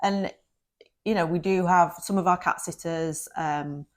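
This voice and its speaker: A woman with a low-pitched voice speaks as a podcast co-host. Her delivery is informal and conversational, like relaxed shop talk between colleagues. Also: measured pace. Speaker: podcast co-host, cat-sitting business owner. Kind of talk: casual conversational chat.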